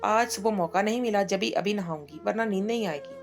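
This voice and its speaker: A woman voicing a young wife in a read-aloud story, gentle and hurt, with a gravelly voice. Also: medium pitch, brisk, soft background music, lightly acted. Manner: pleading, hurt. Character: young woman, sweet and wounded, stubborn.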